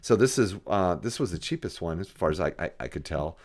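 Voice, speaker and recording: A man's voice: low-pitched, expressive, a little fast, darkish tone. A man co-hosting a podcast, chatting in an easygoing way about vintage computers. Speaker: podcast co-host.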